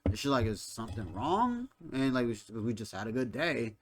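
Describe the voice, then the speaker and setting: A man's voice: mid-range voice, steady tone, brisk. A young man co-hosting a podcast, casually telling a story, acting out quoted lines and laughing often. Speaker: podcast co-host. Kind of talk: casual chat.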